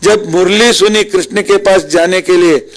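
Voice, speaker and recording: A high-pitched man with an Indian accent, working as a religious storyteller, gives an unhurried devotional discourse that retells scripture stories through quoted dialogue. The recording is rough.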